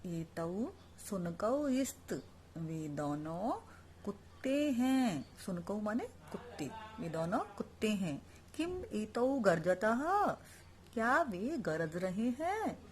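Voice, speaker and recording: A woman's voice: medium pitch, big pitch swings, slow, a little hiss or hum. A woman teaching a Sanskrit lesson online, explaining each word and then repeating it, asking the class questions and answering them herself.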